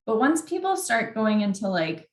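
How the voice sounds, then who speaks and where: In an echoey, roomy recording, a young woman with a slightly high, sing-song voice speaks at normal speed. As a graduate student mentor in a workshop, she offers candid, informal advice conversationally and says "like" a lot.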